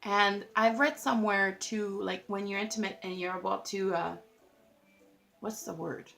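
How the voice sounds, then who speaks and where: A woman's voice: mid-range voice, fairly even intonation, a little slow, vocal fry, fairly bright tone, soft background music. A woman giving a casual tarot reading to her viewers, chatty and effusive, filling her talk with "like" and laughing at herself. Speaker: tarot reader.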